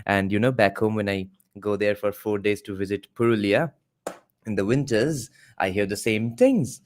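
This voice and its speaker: A man's voice: on the low side, normal speed, a little hiss or hum. A man with an Indian accent giving mocking, laughing commentary over a clip as a streamer. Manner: sarcastic, laughing, swears. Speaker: reaction streamer.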